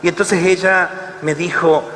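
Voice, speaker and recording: A man with an Argentine accent preaching, telling a story in an animated way and acting out both sides of a dialogue. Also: sits high, measured pace. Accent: Argentine Spanish. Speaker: lay preacher. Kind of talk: storytelling sermon. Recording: long hall reverb, faint ambience.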